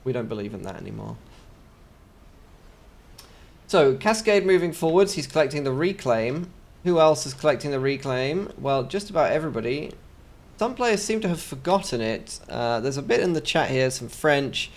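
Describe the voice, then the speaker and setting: A man's voice: a little high, lively intonation, normal speed. Chatty English man casting a strategy game. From England. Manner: chatty, joking asides. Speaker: game caster. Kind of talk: video game commentary.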